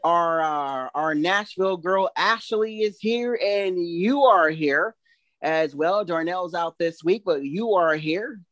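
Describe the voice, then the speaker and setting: A man's voice: high-pitched, slow, a bit bright, dry recording. A man hosting a podcast from a studio, in an upbeat, loose, chatty way. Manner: upbeat, loose, laughs easily. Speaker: host. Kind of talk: casual podcast chat.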